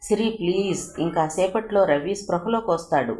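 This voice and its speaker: Woman voicing anxious young man, pleading and gentle, echoey room, lower voice. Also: normal speed, close to an everyday voice. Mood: soothing. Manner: pleading, reassuring.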